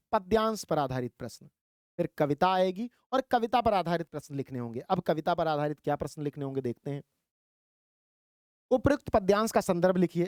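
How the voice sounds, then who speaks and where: Man, Hindi teacher, exam prep lesson, step-by-step explaining, slow verse reading, dry close recording. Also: a little high, darkish tone, no room sound.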